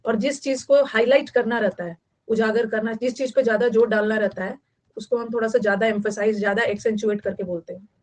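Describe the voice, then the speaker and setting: Brief: woman teacher, fairly high voice, chatty online lecture, repeats words for note-taking. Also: fairly even intonation, brisk, a little mellow. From Bihar, India. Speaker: vocabulary teacher.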